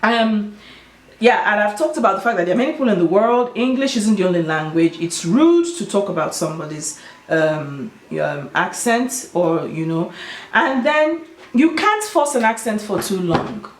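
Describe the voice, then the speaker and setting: A woman's voice: mid-range voice, expressive, moderate pace. A woman with a Nigerian Igbo accent talking casually and emphatically to her viewers, giving her opinions. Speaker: video host. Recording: roomy, echoing sound.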